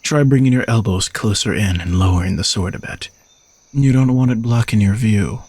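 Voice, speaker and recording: A man performs a listener-directed audio roleplay as a teasing, arrogant young knight serving as a gruffly dutiful bodyguard. Here his voice is on the low side and darkish, at a moderate pace, sounding cool and instructive, with no room sound.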